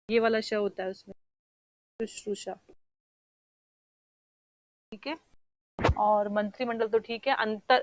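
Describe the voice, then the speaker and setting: A woman teacher works through an exam paper in a fairly high voice. She explains each answer patiently, stops to check that students follow, and sounds tricky words out slowly. The sound is dry and close, with little room around it. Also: no room sound, low-quality recording. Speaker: Hindi teacher.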